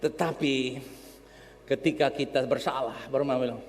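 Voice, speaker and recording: A man's voice: medium pitch, normal speed. An older man with a Kupang accent preaching a sermon as pastor, joking and acting out quotes as he tells stories. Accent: Kupang Indonesian. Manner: lively storytelling with jokes and acted-out quotes. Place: church hall. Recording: long church hall reverb.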